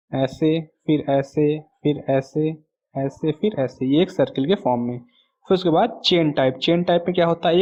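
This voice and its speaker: A male exam tutor working through answers. He asks a question and answers it himself, mixes in English terms, and reads the English question text slowly. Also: on the high side, a little mellow. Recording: dull lo-fi audio.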